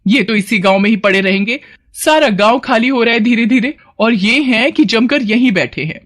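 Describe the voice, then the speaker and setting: A woman's voice: fairly high pitch, normal speed, slight background noise, voice pushed up, close to an everyday voice. Woman voicing a fed-up village wife. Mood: bitter. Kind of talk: cartoon voice acting.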